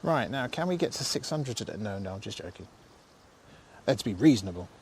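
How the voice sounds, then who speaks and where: A man's voice: lowish voice, big pitch swings, fairly quick, darkish tone, slight background noise. Chatty man hosting outdoors. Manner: chatty, thankful, rambling with fillers. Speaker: livestream host. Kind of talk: casual live commentary. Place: outdoors in a field.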